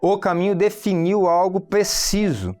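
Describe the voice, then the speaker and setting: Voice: medium pitch, animated, measured pace, warm tone, soft background music. A co-host on a church talk program who chimes in briefly and finishes the teacher's points.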